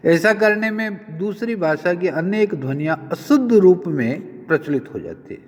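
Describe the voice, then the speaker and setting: Man, university lecturer, animated pitch, measured didactic delivery, reverberant recording. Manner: explains with many spoken examples, measured and didactic. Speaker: Hindi lecturer.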